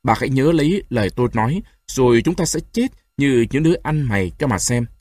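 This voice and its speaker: A man doing a hoarse, stern old grandfather. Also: mid-range voice, expressive, brisk, dry recording, studio quality, close to an everyday voice. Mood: anguished. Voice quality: hoarse, shouting. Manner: harsh, scolding, then choked and tearful. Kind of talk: audiobook reading.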